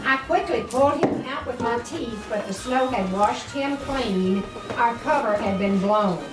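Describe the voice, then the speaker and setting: A grandmother reads a storybook aloud to a small child, expressive and pausing for little explanatory asides. Her voice is fairly high and her pace measured. The distant mic gives a roomy sound, with music playing behind her.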